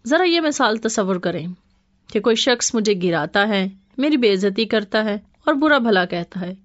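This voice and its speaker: A woman's voice: medium pitch, lively intonation, no echo, lightly acted. A woman playing a daughter who questions and reasons in a scripted dialogue drama. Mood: reasoning. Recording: muffled lo-fi dry audio.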